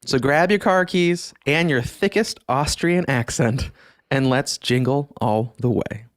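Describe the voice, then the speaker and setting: A man's voice: mid-range voice, a little slow. A man hosting a podcast, chatting in an enthusiastic, easygoing way and laughing easily, on a close studio mic. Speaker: podcast host. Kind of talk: casual podcast chat.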